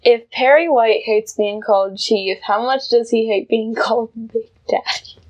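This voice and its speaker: Slow-talking, wry woman co-host. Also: on the high side. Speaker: podcast co-host. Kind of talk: casual chat, reading a comic aloud.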